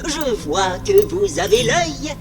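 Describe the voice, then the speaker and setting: A woman's voice: very high-pitched, very animated, takes it slowly, vocal fry, exaggerated voice. A woman voicing a cheerful, servile robot concierge in a video game, courteous and theatrical like an announcer selling services. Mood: cheerful, promotional. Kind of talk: scripted game character dialogue. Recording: game music behind, some long reverb.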